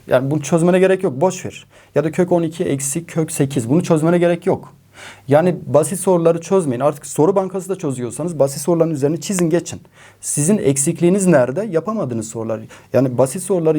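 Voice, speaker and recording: Fast-talking emphatic male math teacher. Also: fairly high pitch, warm tone. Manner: emphatic, repeats key advice; speaks with a regional dialect. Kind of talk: exam-prep advice to students.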